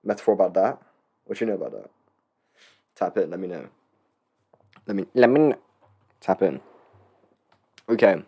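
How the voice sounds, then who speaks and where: A man's voice: low-pitched, lively intonation, normal speed, long pauses, warm tone, husky. A man hosting a casual solo podcast, rambling and joking with lots of restarts. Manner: rambling, full of fillers and restarts, jokey asides. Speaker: podcast host.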